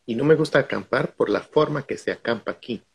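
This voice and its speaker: In a mid-range, gravelly voice with a breathy edge, a middle-aged guest speaker from Guatemala talks fairly quickly on a video call. He reflects on his own life through storytelling.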